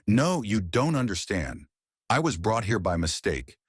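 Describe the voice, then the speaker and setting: A man's voice: on the low side, very animated, unhurried, breathy edge, no echo, clean studio sound, pitched above the performer's own voice, heavily acted. A man voicing a frightened young woman who pleads in a choked, tearful way while reading a story. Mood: pleading.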